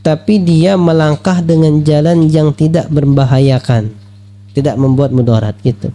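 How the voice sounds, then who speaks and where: A man preaching at a religious study lecture, lively and full of rhetorical questions, acting out the voices he quotes. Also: a little high, unhurried. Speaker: Islamic preacher.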